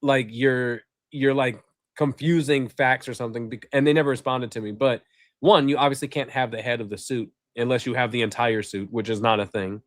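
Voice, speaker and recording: A man's voice: medium pitch, steady tone, brisk, no echo, studio quality. Chatty man laughing on a video call. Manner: chatty, laughs often, rambling with fillers. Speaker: podcast host. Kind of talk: casual group chat.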